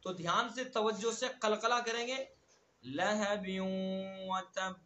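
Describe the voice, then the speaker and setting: Bright high-voiced man teaching recitation. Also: echoey room, a little hiss or hum. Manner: slow drawn-out recitation of verses between quick explanations; repeats words over and over to drill pronunciation. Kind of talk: online tajweed lesson.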